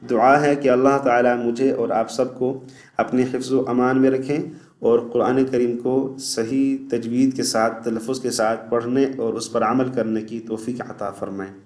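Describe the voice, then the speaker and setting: A man teaching Quran recitation, stretching the recited words slowly between quick spoken explanations. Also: medium pitch, little pitch movement, darkish tone, echoey room. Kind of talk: online recitation lesson.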